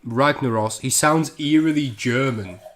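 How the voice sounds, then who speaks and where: A man's voice: medium pitch, measured pace, fairly bright tone, echoey room. A man hosting a livestream, bantering crudely and laughing while drinking. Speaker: livestream host. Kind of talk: casual chat.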